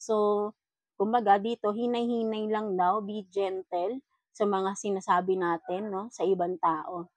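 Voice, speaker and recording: A woman's voice: medium pitch, little pitch movement, unhurried, darkish tone, no room sound, low-quality recording. A woman with a Filipino accent giving a casual spiritual reading, chatty, with frequent tag questions. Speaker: tarot reader.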